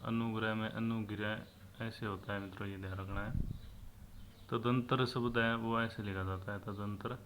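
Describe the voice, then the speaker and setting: A man teaching Hindi spelling for government exams, explaining each word in a steady lecturing tone and often addressing his listeners as friends. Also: lowish voice, moderate pace, a little hiss or hum. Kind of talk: spelling lesson for exam aspirants.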